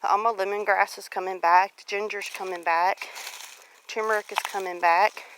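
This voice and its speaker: A woman in her late forties, a homestead vlogger, chats casually and reflectively to viewers while walking around her rural property, sounding devout and encouraging. Her voice is medium-pitched with fairly even intonation and a moderate pace. The outdoor recording has clear background noise.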